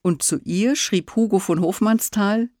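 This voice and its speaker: A woman narrating, reciting classical verse in a measured, declamatory way with expressive swells. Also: medium pitch, no echo, clean studio sound.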